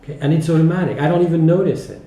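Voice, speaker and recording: A man's warm, fairly high voice with fairly even intonation races along as he, a French-accented teacher, answers interview questions reflectively and explanatorily. He's hesitant, often checks in with a quick tag, and the sound is echoey and roomy.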